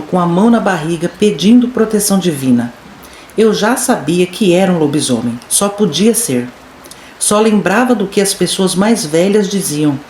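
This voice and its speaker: A woman narrates a listener's horror story in the first person, building suspense with dramatic pacing. Her voice sits a bit low, and the recording carries noticeable room echo with a faint noise floor underneath. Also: darkish tone.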